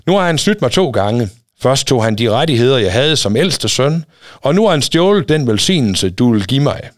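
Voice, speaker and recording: A man's voice: medium pitch, big pitch swings, lightly acted. A man reading aloud, voicing the wronged elder son Esau in a raised, pleading voice. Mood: outraged.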